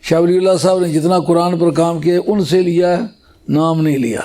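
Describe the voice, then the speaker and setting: Guy giving a scholarly religious talk, kinda high but mellow voice, explains stuff slow and patient. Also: fairly even intonation. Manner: explanatory, recites Arabic phrases slowly.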